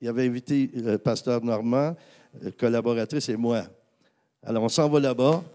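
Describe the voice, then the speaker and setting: A man, a pastor with a Québécois accent, telling a personal story in a sermon, animated, with many fillers and restarts. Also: mid-range voice, normal speed.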